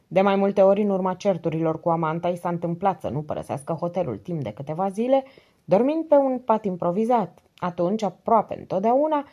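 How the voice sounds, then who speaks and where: A woman narrating an audiobook in a calm, measured reading voice. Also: lowish voice.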